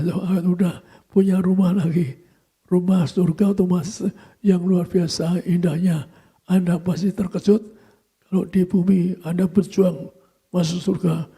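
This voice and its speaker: A man's voice: sits high, mellow, husky. An older man, a pastor, preaching a sermon and tagging his phrases with a repeated "so". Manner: repetitive preaching, tags phrases with "so".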